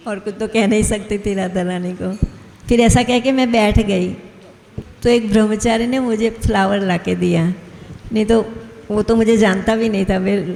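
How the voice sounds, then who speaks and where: Woman giving a devotional talk, kinda gravelly voice, chuckles through her stories, echoey hall with long reverb. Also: medium pitch, a little mellow. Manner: storytelling, chuckles often. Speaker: guest speaker at a devotional gathering.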